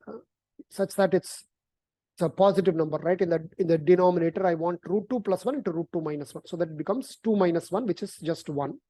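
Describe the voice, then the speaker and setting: A woman's voice: lowish voice, darkish tone. A woman teaching a math class, explaining in a conversational way, repeating words and often ending sentences with "right?". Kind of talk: online algebra lesson, explaining.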